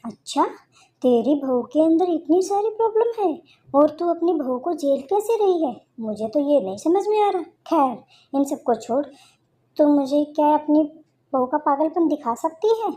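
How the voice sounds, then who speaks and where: A woman's voice: high-pitched, expressive, a little slow, warm tone, voice pushed up. A woman voicing a gossipy, nosy middle-aged neighbor in a cartoon story.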